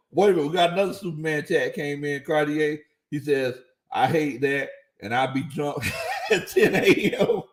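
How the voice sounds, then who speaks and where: His voice fairly high and fairly bright but slightly worn out, a man hosts a sports livestream from an echoey room. He reads viewer chats in a relaxed way, frequently laughing and chuckling as he speaks.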